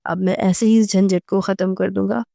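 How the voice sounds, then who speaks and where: A woman's voice: medium pitch, flat delivery, vocal fry, warm tone, dry recording, lightly acted. A woman voicing a cruel, hot-tempered young husband who scolds harshly, in a dry audio story. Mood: furious.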